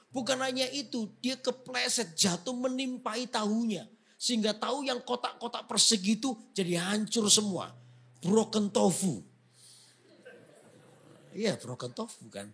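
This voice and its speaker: A male pastor telling a story in a sermon, swinging from hushed narration to shouting. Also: high-pitched, gravelly, breathy edge.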